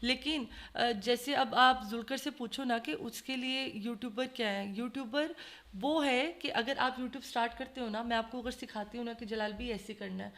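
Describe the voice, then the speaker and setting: A woman's voice: on the high side, fairly even intonation, a bit bright. A woman with a Lahori accent, speaking as a guest in a casual chat and earnestly giving advice. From Lahore, Pakistan. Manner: earnest, advising, drives home a moral point. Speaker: guest, social media creator.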